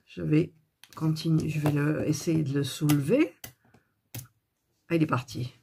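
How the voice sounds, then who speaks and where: A woman's voice: deep voice, steady tone, measured pace, vocal fry, mellow, slight background noise. A middle-aged woman doing a casual hands-on craft demo, grumbling and talking to herself as she works, filmed up close on a phone. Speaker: craft video host.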